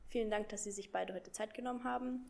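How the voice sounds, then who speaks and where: A woman's voice: fairly high pitch, fairly even intonation, quick pace, creaky, a little mellow. A young woman conducting an informal school interview, asking questions hesitantly with many fillers.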